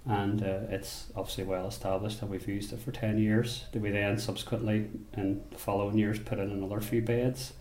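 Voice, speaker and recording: Low, flat-voiced Northern Irish man. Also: roomy sound. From Belfast, Northern Ireland. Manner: unhurried, thoughtful, with frequent restarts. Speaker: basket maker. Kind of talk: interview monologue. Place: rural workshop or home.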